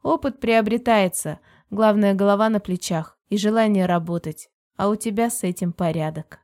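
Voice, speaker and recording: A woman performing a tough, commanding middle-aged aunt who runs a business. She talks in a firm, brisk, no-nonsense way, with a mellow, dark tone, like an audiobook character. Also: mid-range voice, lightly acted. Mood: assertive. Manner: firm, brisk, matter-of-fact.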